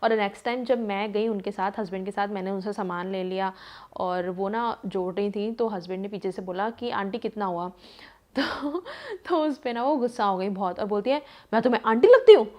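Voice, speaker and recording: A woman's voice: mid-range voice, moderate pace, darkish tone. A woman in her thirties telling a personal story in a casual, chatty way, with many fillers and acted-out quotes. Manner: chatty, lots of fillers, acts out quoted voices. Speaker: vlogger.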